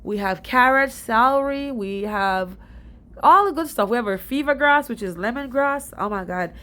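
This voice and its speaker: A woman's voice: fairly high pitch, sharp tone. A young Jamaican woman giving a casual, rambling voice-over about her garden, stuffy and short of breath. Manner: chatty, rambling and fast-talking. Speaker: DIY gardening vlogger.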